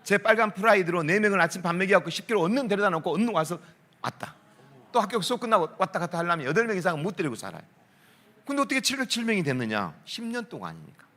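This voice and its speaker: A man's voice: high-pitched, racing. A man, a school principal telling stories at a worship concert, acting out voices and laughing often. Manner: lively storyteller, acts out quoted voices, laughs often. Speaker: school principal giving a talk. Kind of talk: storytelling talk at a worship concert.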